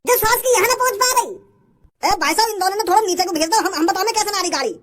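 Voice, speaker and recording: A woman's voice: very high-pitched, expressive, racing. A woman voicing an agitated, complaining old village mother-in-law in a Hindi cartoon, often stammering. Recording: noisy background.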